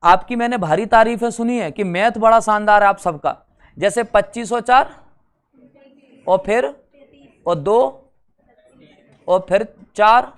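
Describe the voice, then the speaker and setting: This Indian man teaching at a classroom board speaks in a high voice at a measured pace, leaving long pauses. He chats with the students rather than at them, checks their understanding, and throws in wry teasing comments.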